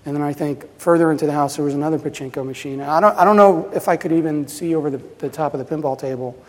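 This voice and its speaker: Talking fast in a voice that sits slightly high, a New Jersey presenter in his fifties addresses a pinball festival in a relaxed, meandering way. He repeatedly restarts his sentences and uses plenty of fillers, and the large hall gives his words a long reverb.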